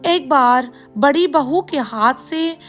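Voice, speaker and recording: Woman storyteller, bedtime story narration, high voice, slow pace, faint music. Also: a bit bright.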